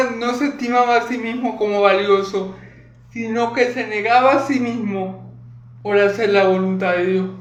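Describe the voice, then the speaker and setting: A man preaching a sermon on a Bible passage in an emphatic style, asking rhetorical questions and clearing his throat often. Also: extremely high pitch, fairly bright tone, echoey room.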